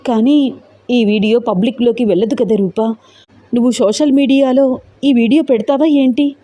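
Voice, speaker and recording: A worried young woman in an audio storybook, her voice pitched high and fretful, as a woman reader puts her on. She presses with anxious questions, her tone mellow and soft-edged. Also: normal speed, lightly acted. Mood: urging.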